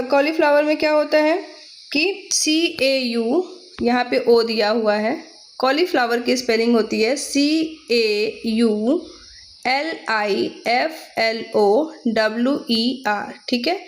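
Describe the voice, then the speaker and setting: A woman with an Indian accent teaching English spellings for exams, spelling words out letter by letter and checking with "theek hai". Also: sits high. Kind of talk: exam-prep vocabulary lesson.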